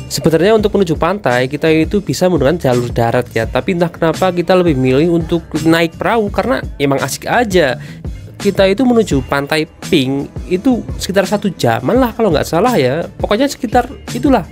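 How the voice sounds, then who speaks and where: Indonesian male vlogger, chatty and joking, high-ish voice, music bed underneath. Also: darkish tone. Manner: chatty, joking, addresses viewers directly. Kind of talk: casual travel vlog narration. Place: outdoors on a boat trip. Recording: music playing over the voice. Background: background music.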